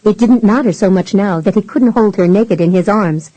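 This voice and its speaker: Mellow woman reading a romance audiobook. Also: medium pitch, moderate pace, no echo, poor audio. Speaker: audiobook narrator. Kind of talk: scripted romance narration.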